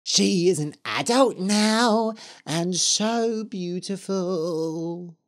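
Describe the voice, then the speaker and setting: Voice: mid-range voice, extremely slow, pitched above the performer's own voice. The Red Witch, a man voicing a sly ghost witch. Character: spiteful ghost witch, flattering, eerie.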